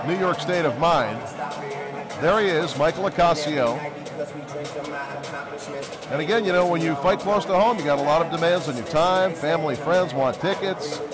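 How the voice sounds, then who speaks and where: A man giving live television boxing commentary. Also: a little high. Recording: broadcast commentary over music and crowd. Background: music and crowd.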